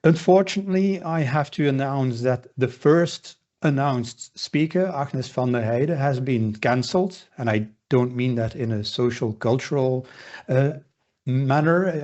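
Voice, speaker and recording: A man's voice: mid-range voice, darkish tone, muffled recording. A man moderating an academic webinar over a video call, introducing speakers formally with small wry asides.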